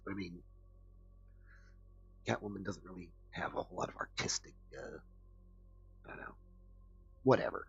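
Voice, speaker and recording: A man's voice: fairly low pitch, gravelly, fairly bright tone, breathy edge. A man hosting a podcast, riffing through crude, rambling comedic commentary full of fillers. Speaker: podcast host. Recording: dull lo-fi dry recording.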